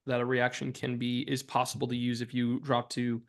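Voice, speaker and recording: A man's voice: mid-range voice, completely flat delivery, a little fast. A man narrating as game master for a tabletop game, hesitant and full of fillers. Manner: hesitant, many ums and uhs, laughs easily.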